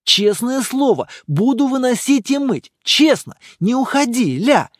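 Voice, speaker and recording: A man's voice: extremely high pitch, sing-song, unhurried, no echo, studio quality, voice pushed up, heavily acted. A man voicing a bewildered young man who pleads and makes excuses to his girlfriend. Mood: pleading.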